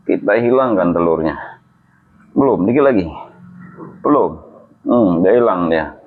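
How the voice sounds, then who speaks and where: A healing therapist chats during a hands-on treatment, joking, reassuring, and frequently exclaiming religiously. His deep voice is expressive and measured, recorded with lo-fi, phone-like sound.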